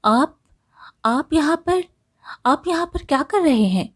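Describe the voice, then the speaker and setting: A woman voicing a brave, poor young village woman who talks in sharp, indignant questions. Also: on the high side, expressive, measured pace. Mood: startled, questioning.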